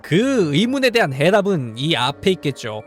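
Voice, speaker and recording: A mysterious guide speaks in a calm, formal, polite way, as a man plays him. The voice moves freely up and down, with faint music behind it. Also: fairly high pitch, normal speed.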